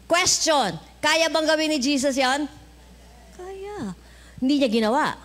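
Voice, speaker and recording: A woman's voice: high voice, animated, a little slow, a bit bright. A woman preaching a sermon with a Filipino accent, telling stories animatedly, acting out dialogue and laughing often. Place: church.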